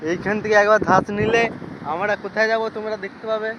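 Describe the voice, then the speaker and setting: A man with a high-pitched, level voice talks quickly while vlogging casually from a muddy riverbank and a boat, chatting to viewers and calling out to passers-by. It's a walking vlog shot on a handheld phone, and the audio is dull, with wind and boat noise from outdoors.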